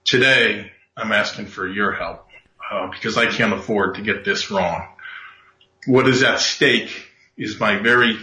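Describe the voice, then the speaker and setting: A man's voice: on the low side, measured pace. Man heard over a roomy speakerphone. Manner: explains at length in a steady, factual way. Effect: sounds like a speakerphone. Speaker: regular guest expert. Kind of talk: casual radio talk. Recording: roomy echo through a speakerphone.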